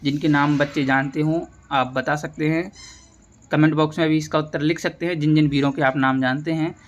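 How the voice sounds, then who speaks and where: A man with a fairly high voice explains a school lesson step by step. He goes patiently through each answer and repeats key words for students. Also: level tone, a little fast, lo-fi sound. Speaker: teacher.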